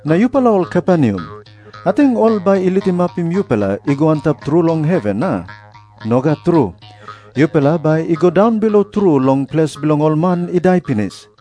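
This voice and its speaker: A man with a Papua New Guinean accent playing an earnest prophet who preaches deliberately in a dramatised scripture reading. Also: on the high side, mellow, close to an everyday voice. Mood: stern warning. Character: Jesus, earnest preaching prophet addressing crowds.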